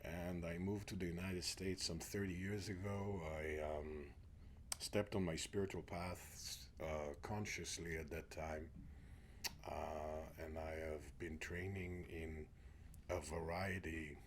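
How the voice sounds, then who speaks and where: Taking his time, this middle-aged man from Israel talks as a guest on an interview show, a spiritual teacher with a low voice and fairly even intonation. His reflective speech frequently sinks almost to a whisper, with slight background noise present.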